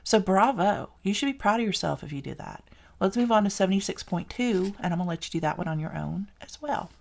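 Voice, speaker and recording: A woman's voice: mid-range voice, lively intonation, brisk, creaky. A woman with a Southern US accent teaching a casual recorded algebra lesson, chatty and encouraging, correcting herself as she works. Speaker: math teacher.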